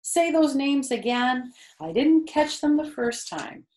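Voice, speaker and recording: Lady doing a little storybook pig, boastful n eager, kinda naive, higher pitched, roomy sound. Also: expressive, takes it slowly, darkish tone. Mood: amazed.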